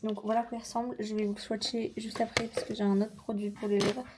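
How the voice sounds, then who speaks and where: A young woman chatting casually in a vlog, unboxing and reviewing makeup with slangy, animated asides. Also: medium pitch, quick pace, very noisy. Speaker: vlogger.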